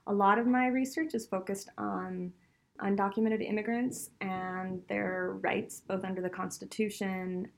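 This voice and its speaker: Her medium-pitched voice carries vocal fry and fairly even intonation, and she speaks a little slowly. A middle-aged law professor who grew up between Venezuela and the US, she responds to interview questions chattily and thoughtfully, laughing frequently.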